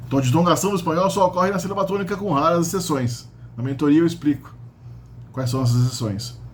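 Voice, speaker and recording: A man's voice: a little high, fast. A man with a Brazilian Portuguese accent giving a casual spoken grammar lesson, explaining step by step with frequent "né?" and "tá?" tags. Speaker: language teacher.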